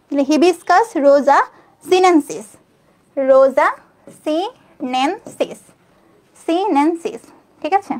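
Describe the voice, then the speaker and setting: A young woman teaching an online exam-prep biology lesson, spelling out scientific names slowly, repeating each one, and checking in with her students. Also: sits high. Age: young adult.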